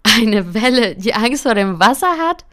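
A man's voice: high-pitched, big pitch swings, unhurried, sharp tone, voice pushed up, exaggerated voice. A woman voicing a small male fish in a storybook tale, incredulous and teasing. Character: small young male fish, cheeky and puzzled.

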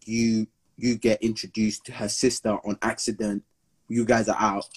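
Husky young London roadman telling stories. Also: fairly low pitch, level tone, normal speed. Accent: London urban slang (roadman). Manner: slangy, repetitive, acts out quotes. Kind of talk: casual storytelling banter.

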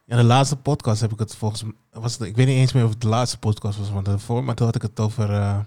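Man, podcast co-host, lowish voice, halting delivery. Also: flat delivery, warm tone. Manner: hesitant, many fillers while recounting. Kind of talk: casual football podcast chat.

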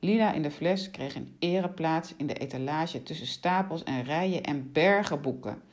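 A woman narrating a children's story aloud with expressive, animated delivery. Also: sits low, normal speed.

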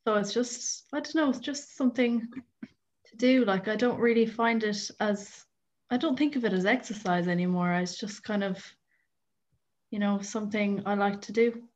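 A woman's voice: medium pitch, normal speed, darkish tone, highs cut off, a little hiss or hum. A twenty-year-old woman from County Clare with an Irish accent, chatting casually as a podcast guest. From County Clare, Ireland. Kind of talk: casual interview chat.

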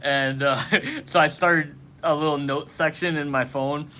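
A man hosting a loose podcast chat, speaking with a lisp. His voice sits slightly high and sounds bright and forward. Faint noise hums under the recording. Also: fairly even intonation, measured pace. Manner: laughs often, joking. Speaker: podcast host.

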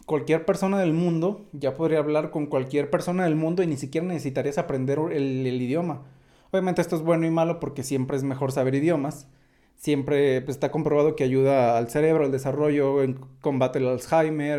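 A man's voice: on the high side, fairly even intonation, brisk, mellow. A man with a Mexican accent, chatting casually through tech news and drifting into asides. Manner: chatty, digressive, many fillers like "o sea".

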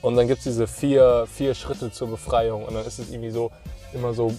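Young male co-host, warm dark tone, laid-back slangy gamer talk over soft music. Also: medium pitch, flat delivery, normal speed. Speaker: podcast co-host. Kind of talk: casual chat.

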